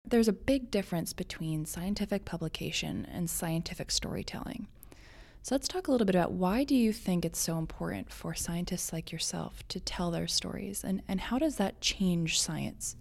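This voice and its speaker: A woman hosting a podcast interview, asking her questions in a polite, measured way. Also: lowish voice, vocal fry, a little mellow. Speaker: podcast host.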